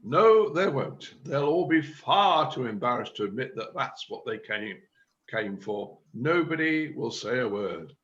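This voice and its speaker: A man's voice: mid-range voice, lively intonation, a little slow, fairly bright tone, highs cut off. A man reading the part of a self-important chairman of an amateur drama group, declaiming his big plan. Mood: scheming. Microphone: video call.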